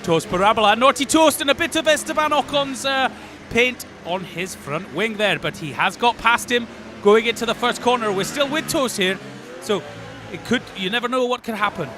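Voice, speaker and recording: A man with a high voice works as a motorsport commentator. His play-by-play is informal and chatty. Music and car sounds run clearly behind him. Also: lively intonation, normal speed.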